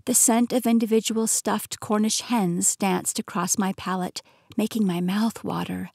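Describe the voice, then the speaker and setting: A woman's voice: medium pitch, steady tone, unhurried, gravelly, a little mellow, breathy edge, no room sound, studio quality. A woman narrating a first-person fantasy audiobook with an earnest, inquisitive tone.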